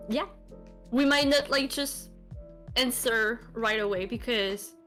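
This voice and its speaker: A woman's voice: a little high, slow pace, fairly bright tone, faint music behind. A woman with a Quebec French accent, French being her first language, co-hosting a casual streamed chat podcast, playful and swearing casually. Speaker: co-host streamer.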